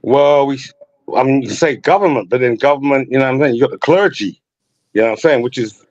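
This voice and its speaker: A guest on a call-in talk show rambles through a casual conversation, drifting between points and repeatedly circling back with "you know what I'm saying" or "you know what I mean." He talks fast in an ordinary mid-range, darkish voice. The online call audio is a bit muffled and lo-fi but close and dry, with no echo or room sound.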